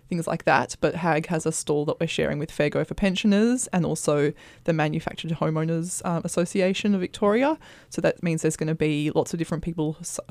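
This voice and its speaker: A woman's voice: sits low, creaky, a little mellow, no room sound. A woman explaining her work as a housing support worker in a casual, slightly tentative studio interview. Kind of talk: casual radio interview talk. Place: radio studio.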